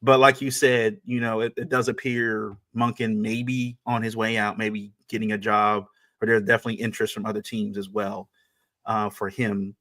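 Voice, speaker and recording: A man's voice: fairly low pitch, flat delivery, moderate pace, fairly bright tone. A man co-hosting a sports podcast, talking casually and emphatically, often repeating his points and restarting sentences.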